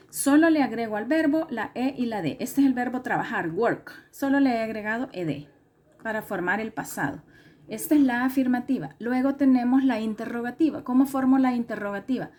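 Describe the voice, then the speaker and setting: A woman's voice: a little high, darkish tone. Woman teacher, patient step-by-step lesson delivery, repeats key points and self-corrects. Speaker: English teacher. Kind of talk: recorded classroom lesson explanation.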